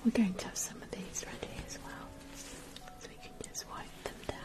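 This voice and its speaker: A woman whispering slowly and carefully through an ear-cleaning ASMR roleplay. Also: over music. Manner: soft unvoiced whisper, slow and careful.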